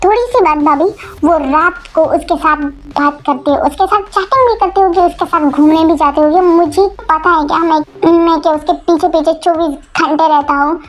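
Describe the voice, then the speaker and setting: A woman's voice: very high-pitched, steady tone, moderate pace. A woman voicing a jealous, short-tempered young boyfriend who scolds and sulks, in a voiced fan-fiction audio story. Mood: sulky. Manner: sulky, scolding.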